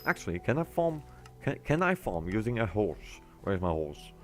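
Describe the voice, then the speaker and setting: A man's voice: on the low side, big pitch swings, normal speed, faint music behind. A young man casually commenting on his gameplay as a streamer, rambling and often restarting his sentences.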